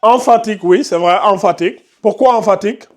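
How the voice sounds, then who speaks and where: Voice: medium pitch, a little fast. Patient teacher quizzing students by name. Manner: patient, repeatedly questions and corrects students by name. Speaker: Quran recitation teacher. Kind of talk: class lesson with students.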